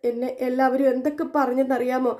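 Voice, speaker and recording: Woman reading a distraught young husband, sobbing and self-blaming, quick and mellow. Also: sits high, flat delivery, lightly acted. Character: grieving young man crying to his wife.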